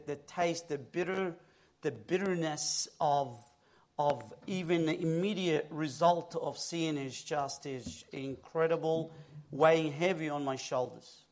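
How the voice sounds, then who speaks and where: A man from Egypt shares his testimony from a church stage, speaking into a stage mic. His voice sits a little high, and he tells his story as a lively storyteller with a streak of self-mocking humor. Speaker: guest preacher. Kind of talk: personal testimony in a church interview. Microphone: own stage mic.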